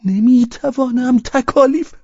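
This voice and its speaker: A man voicing a sly, drunken, mocking middle-aged widower in an audiobook reading, in a high, gleeful, teasing voice. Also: dark tone, no room sound, long reverb tail, muffled recording.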